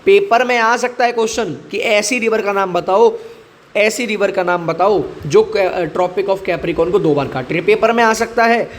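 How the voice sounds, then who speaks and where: A man's voice: high voice, normal speed. Chatty Hindi exam-prep teacher, man. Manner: chatty, mixes English into Hindi, repeats key points. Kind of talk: explaining current affairs to students.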